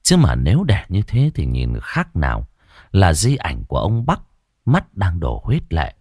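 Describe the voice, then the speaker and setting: Low-voiced man telling a ghost story. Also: huge pitch swings, darkish tone, slightly rough, no room sound, studio quality. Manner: dramatic, with long pauses.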